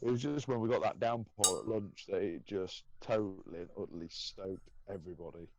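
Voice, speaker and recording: A man's voice: deep voice, a little fast, lo-fi sound, noisy background. A man co-hosting a casual livestream chat, explaining things matter-of-factly.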